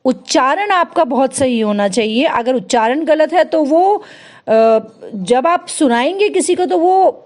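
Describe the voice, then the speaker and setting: A woman teaching how to learn verses, explaining step by step and slowly repeating words. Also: high-pitched, darkish tone. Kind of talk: instructional talk.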